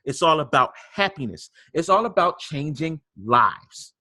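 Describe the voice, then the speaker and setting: A man's voice: a little high, very animated, measured pace, sharp tone, no room sound. A man giving a training webinar, coaching people through presentation slides with lots of repetition and filler words. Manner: coaching, repeats emphasis, frequent fillers. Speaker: sales trainer.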